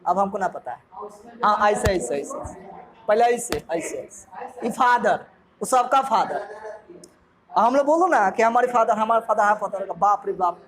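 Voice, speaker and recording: A Bihari-accented coaching teacher from Bihar, India, runs a jokey quiz revision, firing questions at a classroom packed with students. His voice sits high and animated, with a measured pace and long pauses. The recording is noisy, with crowd noise from the students around him.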